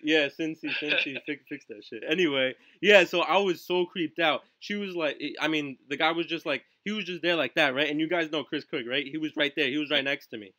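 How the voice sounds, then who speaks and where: A teenage boy hosts a live stream podcast and tells a story in loose, excitable chat. He swears often and keeps tagging his lines with "right?". His voice sits on the high side and sounds bright and forceful, picked up by a home stream mic with glitchy audio. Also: fairly quick, hardly any pauses. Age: teens. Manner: profane, excitable, with constant fillers and "right?" tags. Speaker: livestream podcast host.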